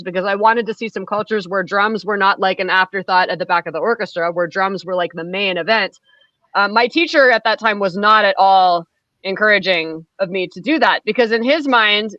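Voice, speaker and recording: Percussionist woman chatting in an interview, bright tone, kinda dull lo-fi audio. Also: medium pitch, no room sound. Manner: thoughtful, hedging with fillers. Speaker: percussionist guest. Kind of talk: conversational interview answers. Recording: dull lo-fi sound.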